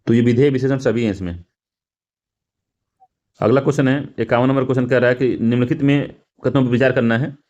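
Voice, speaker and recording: A man's voice: medium pitch, darkish tone, highs cut off. A male teacher going through exam practice questions, repeating words and correcting himself, with frequent fillers. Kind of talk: explaining test answers.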